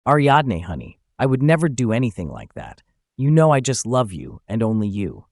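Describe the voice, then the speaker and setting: Tearful, pleading guilty wife, read by a male narrator, lively lilt. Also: medium pitch, moderate pace, dry recording, studio quality. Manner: pleading, apologetic. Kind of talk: storybook narration.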